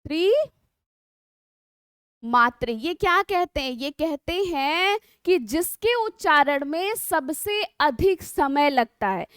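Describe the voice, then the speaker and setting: A woman teacher giving an online exam-prep lesson, explaining patiently with drawn-out words and frequent rhetorical questions to her students. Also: sits high, expressive, fairly bright tone, no echo, studio quality.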